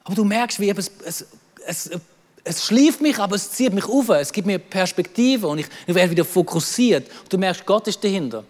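A man with a Swiss German accent preaching a lively sermon, acting out quoted voices and repeating words as he goes. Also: sits high, a little fast, in a large hall. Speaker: pastor.

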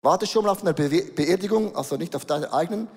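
A high-voiced middle-aged man preaching a sermon to a congregation. He races through asides, then slows right down to lean on single words. His voice rings out with a long reverb tail, as in a church hall. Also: slightly rough. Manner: lively preaching, shifts between quick asides and slow stressed words. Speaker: pastor.

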